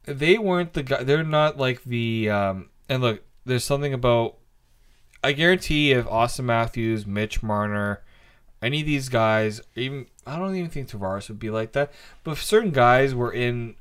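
A man's voice: mid-range voice, normal speed, fairly bright tone, clear, resonant tone. A man hosting a sports podcast in casual chat, rambling with frequent ums and restarts. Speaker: podcast host.

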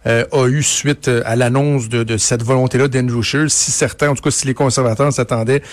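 A Québécois radio host with a medium-pitched man's voice, asking questions in a loose, chatty way. His sentences wander and circle back. He is recorded close and dry. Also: fairly even intonation, a little fast, dry recording. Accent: Québécois French. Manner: conversational, many fillers and restarts. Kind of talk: radio interview.

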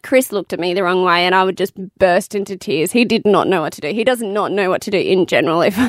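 A woman's voice: medium pitch, no room sound, studio quality. A young woman, a new mother, telling her birth stories in casual, frank talk, swearing freely and laughing now and then. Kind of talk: candid casual storytelling.

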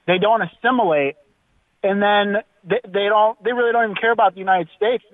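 A man's voice: high voice, no room sound. A male caller to a talk radio show, worried and rambling, often restarting his sentences. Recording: tinny phone line.

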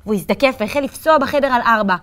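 A woman narrating a children's story in an expressive, animated way. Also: a little high. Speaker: story reader.

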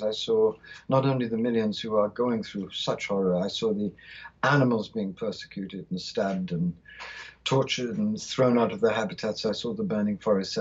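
This South Indian interview guest, a man in his sixties, speaks low and slightly rough, the audio's highs cut off. He recounts a spiritual vision with fervent, rhythmic passion, dwelling on lists of words.

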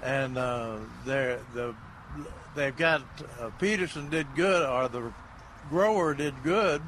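An older man, a gardening expert on a radio show, who speaks haltingly with many fillers and chuckles. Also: mid-range voice, animated, fairly bright tone, low-quality recording. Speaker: horticulture expert co-host. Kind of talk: casual radio chat. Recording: faint outdoor traffic noise.

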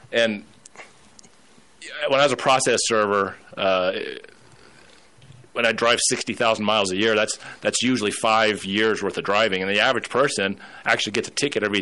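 Brief: male radio host, rambling and chatty, slightly low voice. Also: bright, forceful tone. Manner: rambling, storytelling with put-on voices. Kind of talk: casual radio talk.

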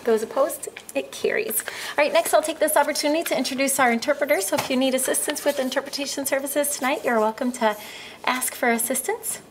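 An American woman with a fairly high voice chairs a formal public meeting. She speaks in procedural phrases to the room. There is noticeable noise in the recording. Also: a little fast.

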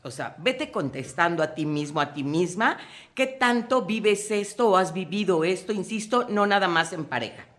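A woman with a Mexican accent, a guest commentator on a radio show, talking in a lively way and acting out short quoted scenes. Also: fairly low pitch, moderate pace. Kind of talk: lively on-air talk.

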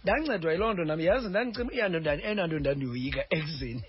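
Male radio presenter, Xhosa accent, slightly high pitch, very quick chatty delivery, muffled broadcast sound. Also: lively intonation. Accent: South African Xhosa. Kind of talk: unscripted radio discussion. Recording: dull lo-fi radio audio.

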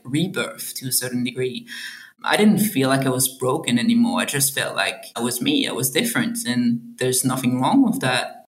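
A woman's voice: a bass voice, roomy sound. A young woman from Belgium, a doctoral candidate, telling her own story in an earnest, reflective interview. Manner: earnest, reflective, with some hesitant restarts. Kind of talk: personal testimony interview.

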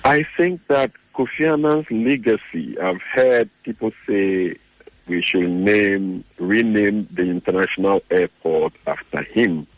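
Ghanaian-accented male journalist for radio interview; deep, husky, earnest and measured. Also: no echo, dull audio. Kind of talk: radio interview, reflective commentary.

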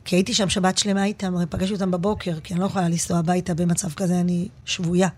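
Animated woman comedian telling stories. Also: fairly low pitch. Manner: animated, expressive storyteller. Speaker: stand-up comedian guest. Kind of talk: casual interview chat.

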